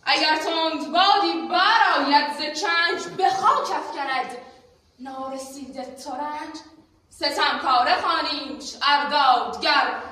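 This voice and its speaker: A woman performing dramatic naqqali storytelling, declaiming and chanting an epic with stretched words that swell from hushed to forceful. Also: high-pitched. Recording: very echoey room, distant mic, faint noise.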